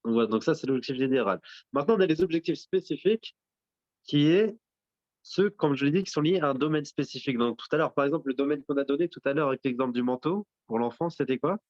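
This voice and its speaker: A man's voice: fairly high pitch, quick pace, darkish tone, no room sound, dull audio. A man teaching an interactive class. He asks his students questions, repeats their answers back, and mixes in Arabic religious terms.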